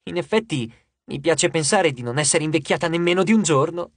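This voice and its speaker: A preening goddess of love in a storybook reading, as an audiobook narrator puts her on, gushing and condescending, her voice swooping up and down with a husky edge. She is recorded close and dry. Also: mid-range voice, animated, brisk, no echo. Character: vain, glamorous goddess of love, adult female. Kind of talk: audiobook character voice.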